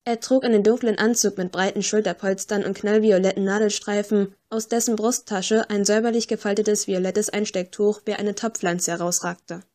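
A woman reads an audiobook in the first person, telling the story with dry wit. Her pitch sits in an ordinary middle range. The delivery is steady and composed. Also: normal speed, hardly any pauses. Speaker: audiobook narrator.

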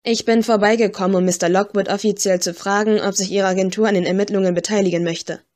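A woman's voice: mid-range voice, fairly even intonation, fast talker, a little mellow, natural voice. Woman reading as a grumpy weary inspector. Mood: gruff. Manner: grumpy, stiff, sighing. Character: gruff weary middle-aged male police inspector. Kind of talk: audiobook reading.

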